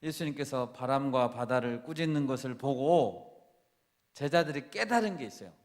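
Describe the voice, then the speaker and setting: A male pastor delivers a sermon in a somewhat high voice, putting question after question to his listeners. He acts out quoted speech with mounting force. A long church reverb trails after his words. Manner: asks the congregation questions and acts out quoted speech with rising intensity. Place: church sanctuary.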